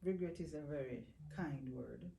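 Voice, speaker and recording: A woman guest slowly and reflectively telling her life story in an interview, often speaking of her faith. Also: sits low, gravelly, warm tone, recorded from a distance, slight background noise. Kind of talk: personal testimony interview. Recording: roomy echo, voice off-mic.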